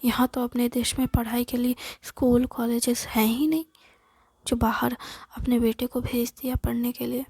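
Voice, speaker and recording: A woman's voice: a little high, flat delivery, moderate pace, a little mellow, slightly rough, dry recording. A woman voicing a doting, scolding middle-aged mother in a whispered role-play, in a reproachful manner. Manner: nagging, reproachful.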